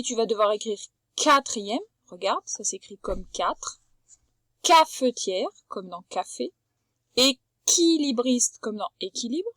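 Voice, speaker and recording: A primary school teacher teaches a young child to read remotely from home, patient, slow and clear. She stretches out each word so every sound comes through. Her voice sits fairly high, and the recording is dry and close.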